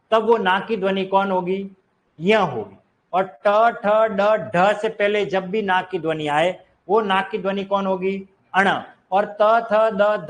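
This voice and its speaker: A man teaching a grammar class, explaining step by step and quizzing his students. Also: high-pitched. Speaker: Hindi teacher. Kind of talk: classroom lecture.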